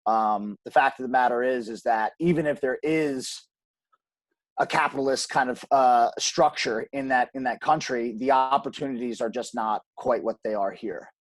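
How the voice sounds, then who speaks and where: Earnest male guest, mid-pitch, emphatic and repetitive, dry close recording. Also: normal speed, no room sound. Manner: earnest, emphatic, frequent restarts and ums. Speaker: podcast guest, gym co-owner. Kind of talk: conversational interview.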